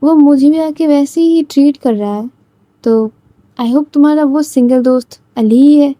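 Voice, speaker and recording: A woman narrator voicing a strict young teacher in a spoken Hindi storybook, firm and scolding, with a high, mellow voice. It is recorded close and dry. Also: unhurried, no echo. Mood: amused. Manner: scolding, stern. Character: strict young female teacher, easily flustered.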